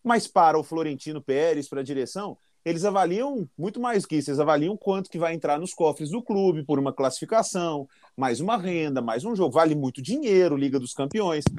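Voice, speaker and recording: A man's voice: a little high, animated, brisk, few pauses, darkish tone, no echo, studio quality. A Brazilian man giving opinions on football in a casual podcast chat.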